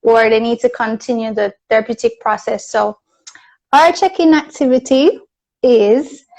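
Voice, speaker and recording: A woman with a Jamaican accent hosting a casual live video chat, friendly and quick to laugh. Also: a little high, darkish tone, poor audio. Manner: friendly, laughs easily, slow and deliberate. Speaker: host. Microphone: video call.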